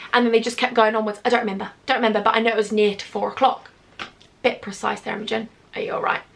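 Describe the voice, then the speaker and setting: A gravelly, fairly high-pitched woman's voice with a bit of brightness tells a personal vlog storytime. The young British YouTuber, speaking British English, keeps it chatty and confiding, with sarcastic asides along the way.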